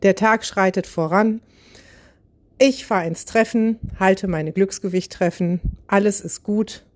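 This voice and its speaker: A woman hosting a podcast, telling a humorous story in a lively, self-mocking way. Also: mid-range voice, unhurried. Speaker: podcast host.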